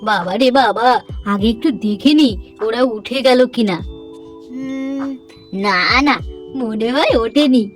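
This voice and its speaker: A woman's voice: on the high side, slow, soft background music. A woman voicing a sneaky little creature in a doll play, muttering furtively to itself. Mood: worried.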